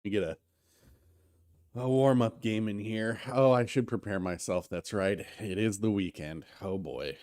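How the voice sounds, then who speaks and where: Male streamer, lowish voice, stuffy and hungover, loose rambling live commentary. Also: unhurried, a little mellow. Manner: rambling, conversational, many fillers. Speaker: game streamer.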